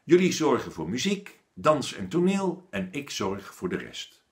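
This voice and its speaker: A man's voice: mid-range voice, a little slow, pitched above the performer's own voice. A man voicing a kind, patient male schoolteacher with a little beard, friendly and teacherly. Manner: lively, friendly teacherly voice that turns stern.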